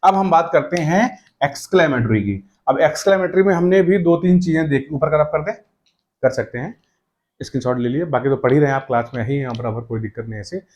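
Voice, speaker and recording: A man teaching an English grammar class, explaining step by step and slowing right down to dictate example sentences word by word. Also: on the high side, a little mellow, lo-fi sound. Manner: explains step by step, checking with "correct?" and "okay?".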